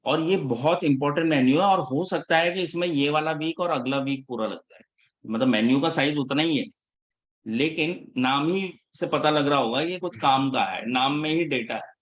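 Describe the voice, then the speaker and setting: A man teaching a live class in a relaxed mix of Hindi and English, checking in with his students after almost every point. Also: on the high side, moderate pace. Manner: casual Hinglish teaching, checks in often with the class; scolds students about attendance. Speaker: instructor.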